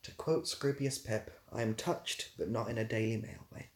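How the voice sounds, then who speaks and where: Responding to his viewers, this young British streamer talks casually, wandering a bit and teasing dryly. He speaks in a lowish voice at a moderate pace.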